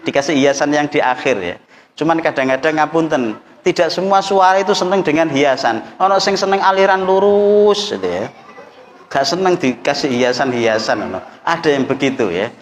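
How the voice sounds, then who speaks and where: A man's voice: fairly high pitch, expressive, normal speed. A man from East Java with a Javanese accent leads a workshop for Quran teachers. He jokes with the group and breaks into melodic chanting to show each tune. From East Java, Indonesia. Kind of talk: workshop lesson with chanted demonstrations. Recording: echoey hall with long reverb.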